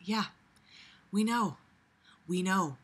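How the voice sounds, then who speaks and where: While reading a book aloud to review it, a person keeps breaking off into casual, sarcastic commentary that is blunt, sweary and emphatic. Their medium-pitched, slightly rough voice draws out words, and the animated delivery swings from muttering to loud outbursts.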